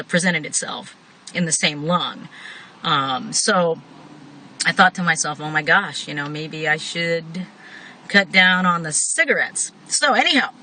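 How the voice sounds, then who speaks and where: Bright-voiced reviewer with a pouch-stuffed lip. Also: mid-range voice, poor audio. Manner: talking with a tobacco pouch tucked in the upper lip. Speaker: product reviewer. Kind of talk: casual rambling product review. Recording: noticeable background noise.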